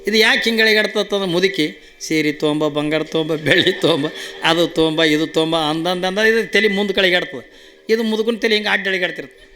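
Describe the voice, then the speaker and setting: A man with a North Karnataka accent, telling comic folk stories in a playful, animated way and acting out each character. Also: sits high, fairly quick. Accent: North Karnataka Kannada. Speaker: comic storyteller. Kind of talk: folk comedy storytelling.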